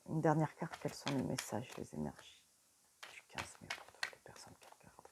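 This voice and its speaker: A woman in whispered role-play, softly asking her cards for messages. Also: a bass voice, huge pitch swings, normal speed, creaky.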